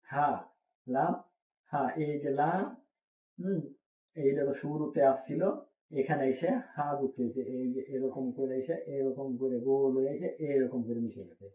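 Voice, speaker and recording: A patient male teacher walks through letter names one at a time, repeating each pair and pausing to check understanding. The sound is thin and phone-like, with a hollow, echoey ring around the voice. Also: medium pitch. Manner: repeats each letter name slowly, asks checking questions. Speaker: Quran reading teacher. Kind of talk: patient step-by-step letter drill.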